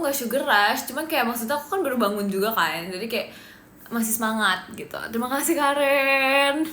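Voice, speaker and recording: A woman's voice: a little high, fairly bright tone. A young Indonesian woman hosting a casual livestream, reading viewer comments and answering in a playful, teasing way, with bits of English mixed in. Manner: playful, teasing, giggly, drops in English phrases. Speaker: idol livestream host. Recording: echoey room with faint noise.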